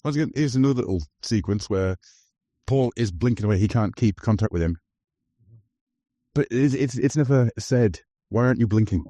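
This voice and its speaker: Male podcast host, warm low voice, casual film chat, dry mic. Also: expressive, normal speed, long pauses, dry recording. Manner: enthusiastic, talks over film scenes.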